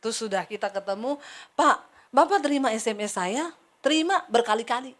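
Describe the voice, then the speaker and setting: A middle-aged woman preaching a sermon, telling a personal story with lively acted-out dialogue and asides to the congregation. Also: fairly high pitch, brisk.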